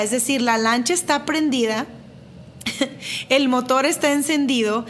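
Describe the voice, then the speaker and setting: High-voiced woman telling a story. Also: slight background noise. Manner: lively, dramatic retelling with self-deprecating laughs; repeats phrases for emphasis. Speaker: mother telling a personal story. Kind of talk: casual storytelling to camera.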